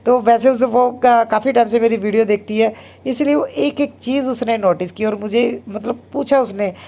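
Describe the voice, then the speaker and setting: Fast-talking chatty woman vlogger. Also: on the high side, warm tone. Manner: talks very fast; chatty, with many fillers. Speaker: homemaker vlogger. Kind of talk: casual vlog narration.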